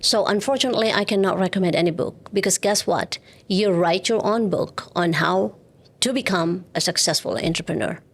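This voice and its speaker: A woman's voice: fairly low pitch, moderate pace. A woman entrepreneur guest in a podcast interview, speaking emphatically and repeating her points for stress. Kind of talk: interview answers.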